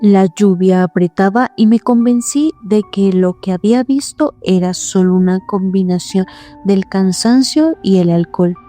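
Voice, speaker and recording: A woman giving a scripted, measured first-person horror narration at a suspenseful pace. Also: medium pitch, dark tone, faint music behind. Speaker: storyteller.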